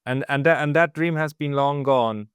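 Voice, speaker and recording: Smooth-voiced man, halting questions. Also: mid-range voice, dry recording, studio quality. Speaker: interview host. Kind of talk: interview.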